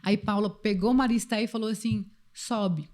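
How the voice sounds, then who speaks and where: A woman in her thirties, a podcast guest, telling a personal story in casual chat with an expressive manner. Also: medium pitch, fast.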